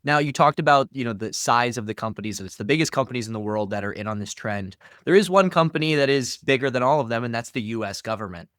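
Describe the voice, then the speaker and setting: A man hosting an interview, asking questions in a brisk, conversational way. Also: medium pitch, fairly bright tone, dry recording, studio quality. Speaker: interview host.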